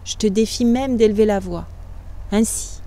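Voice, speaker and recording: A woman voicing a sly, cruel sixteen-year-old girl who taunts in a soft, low voice, in a storybook reading. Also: moderate pace, lightly acted. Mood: taunting.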